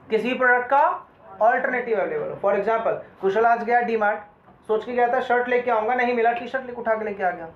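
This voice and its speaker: A male law lecturer teaching a classroom, mixing Hindi with English terms and asking his students questions as he goes. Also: extremely high pitch. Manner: addresses students as "beta", quizzes them often. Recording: echoey room, dull lo-fi sound.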